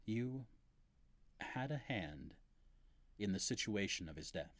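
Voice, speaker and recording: A man acting a patient priest hearing a phone confession, speaking calmly and gently probing. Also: lowish voice, dry recording, clean studio sound, heavily acted. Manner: calm, measured, gently probing.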